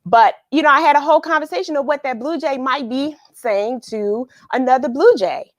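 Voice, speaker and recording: This woman has a high voice and speaks at a normal pace while hosting a kids' read-along from home. Once the story is done, she chats expressively and casually with young viewers and thinks aloud to them. The recording is dry and of studio quality.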